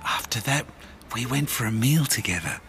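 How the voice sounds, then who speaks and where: An actor playing a nervous, excitable man in an audio drama, full of exclamations and halting in German. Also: medium pitch, a little hiss or hum. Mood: eager, reminiscing. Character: nervous, excitable, self-pleased man, Harry. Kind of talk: bilingual audio drama acting.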